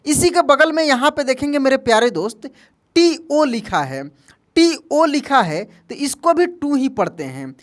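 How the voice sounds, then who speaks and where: A man's voice: very high-pitched, big pitch swings, measured pace. A man teaching an English lesson who spells words out letter by letter, then asks his own quiz questions and answers them, calling listeners his friend. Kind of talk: spoken language lesson.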